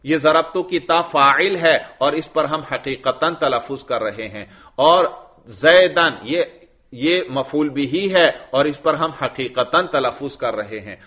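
A man's voice: fairly high pitch, sharp tone, dull audio. A male religious teacher giving a lecture on an Arabic grammar text. He chants the Arabic lines, explains each one, calls the listeners brother and checks that they follow.

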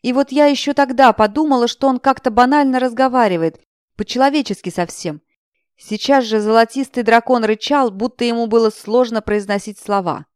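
A woman's voice: fairly high pitch, a little fast, clear, resonant tone, no echo, clean studio sound. A woman narrating a fantasy audiobook in the first person, expressively.

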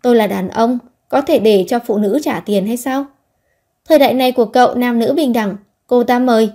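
A proud, impatient young woman who scolds in short, curt phrases, as a woman narrator puts her on. Her voice sits high yet mellow. She belongs to an audiobook story. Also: brisk, natural voice. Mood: imperious.

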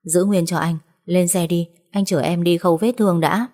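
A woman's voice: fairly low pitch, steady tone, moderate pace, mellow, natural voice. A woman voicing a caring, protective young man who speaks urgently and firmly. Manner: urgent, firm and reassuring.

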